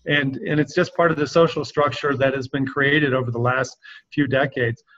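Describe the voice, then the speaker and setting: A man's voice: mid-range voice, steady tone, moderate pace, fairly bright tone, a little hiss or hum. A man who coaches men, talking earnestly in a casual podcast conversation. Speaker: men's coach. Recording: dull lo-fi sound.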